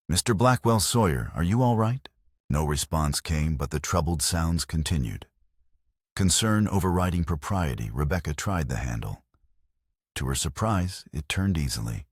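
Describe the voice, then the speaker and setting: Very deep, husky male storyteller. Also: no echo, clean studio sound. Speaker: narrator. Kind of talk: scripted storybook narration.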